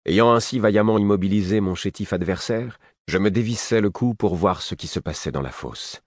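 A man narrating a fantasy novel in the first person, with measured, dramatic storytelling. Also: fairly low pitch, no room sound, clean studio sound. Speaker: audiobook narrator.

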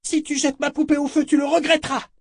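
A man voicing a frightened little servant girl in a storybook reading, pleading in a small high voice. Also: unhurried, no echo, studio quality. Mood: threatening. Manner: whimpering then threatening. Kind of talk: storybook read-aloud voice.

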